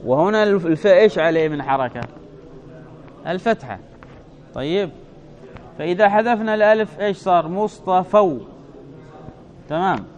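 A man teaching a classroom grammar lesson, explaining step by step and often checking with his students, drawing out his example words slowly. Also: sits high. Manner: slows and stretches example words. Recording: dull lo-fi classroom recording.

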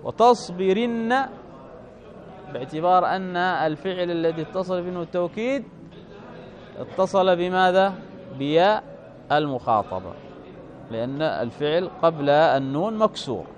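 High-voiced man teaching grammar. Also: expressive. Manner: questioning, drawn-out stresses on examples. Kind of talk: classroom grammar lesson.

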